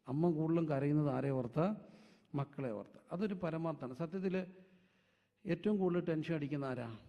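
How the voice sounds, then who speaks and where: A pastor with a Malayali accent preaching a sermon. He asks rhetorical questions, answers them himself, and swells suddenly into loud, emphatic lines. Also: fairly high pitch. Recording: dull, echoey hall sound.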